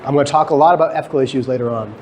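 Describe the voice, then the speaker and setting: Racing along in a mid-range, darkish voice, a lecturer who emigrated from Guyana to Canada explains things to students. He keeps it conversational, posing questions and supplying the answers himself. The lecture room recording is live and clearly noisy.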